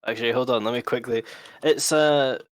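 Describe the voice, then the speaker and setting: A man's voice: medium pitch, a little fast, dry recording. A man playing a tabletop game, casually describing what his character does. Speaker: player.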